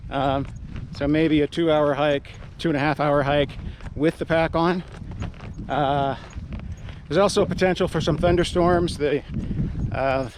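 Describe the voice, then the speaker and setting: An American man hosting a casual outdoor vlog, speaking through a face mask in a halting, rambling way. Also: on the high side. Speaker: outdoor video host. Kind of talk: casual vlog talk to camera. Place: outdoors at a mountain trailhead. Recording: noisy outdoor camera audio.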